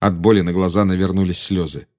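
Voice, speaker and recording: A man narrating an audiobook with an expressive, dramatic reading. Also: deep voice, quick pace.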